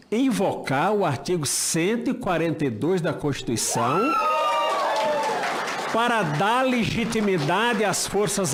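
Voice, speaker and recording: There's background noise behind this high-sitting male voice. He is an older Brazilian former judge speaking at a senate hearing, delivering a passionate, emphatic political address with rhetorical questions and repeated phrases.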